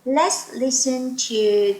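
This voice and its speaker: Slow-speaking woman tutor, echoey room. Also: high-pitched, a little mellow. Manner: slow, explanatory, checks in with learners. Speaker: English test tutor. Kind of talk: online workshop teaching.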